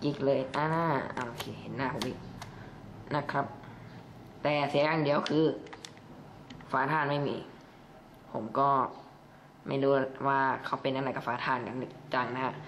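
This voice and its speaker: A young man talking through a toy review in a loose, chatty way, leaning on polite particles as he goes. His voice sits at a middle pitch. The room rings with echo, and faint noise hums underneath. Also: fairly even intonation, unhurried, long pauses, fairly bright tone. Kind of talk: casual toy review vlog.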